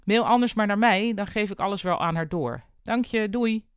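A reader voicing a helpful young woman receptionist who sounds brisk, friendly and businesslike in a storybook reading. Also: medium pitch, smooth, no echo, studio quality, pitched above the performer's own voice, lightly acted.

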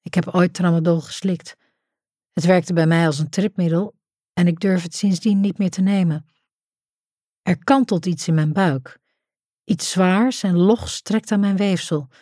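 A woman's voice: lowish voice, steady tone, unhurried, warm tone, no echo, studio quality. A woman narrating a first-person audiobook in an intimate, tense storytelling manner.

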